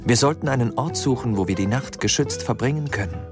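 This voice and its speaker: A man voicing a poor young boy in a spooky fairy tale, speaking in a high, urgent boyish voice. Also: fast talker, natural voice. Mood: worried. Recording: music playing clearly behind.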